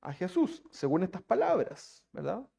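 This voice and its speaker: A preacher from Chile with a fairly high voice for a man, speaking. He delivers his sermon to the congregation and keeps putting rhetorical questions to them. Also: big pitch swings, normal speed, gravelly, dark tone, breathy edge.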